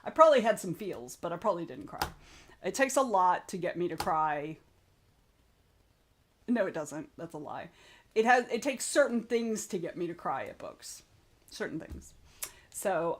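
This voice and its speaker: Reading out comments from her viewers, a young woman runs a writing stream in a medium-pitched voice. She's chatty and candid, wandering from topic to topic and swearing now and then.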